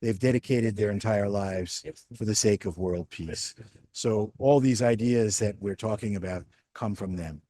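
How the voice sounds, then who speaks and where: A man's voice: on the low side, a little slow, warm tone, no echo, clean studio sound. A man representing a peace organization, speaking earnestly and a little hesitantly. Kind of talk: interview statement.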